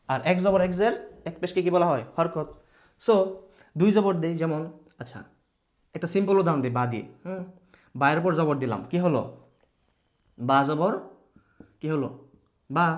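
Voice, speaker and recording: Patient man teaching in a higher voice. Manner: patient, repeats questions and answers them himself; mixes English words into his speech. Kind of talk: children's Quran reading lesson.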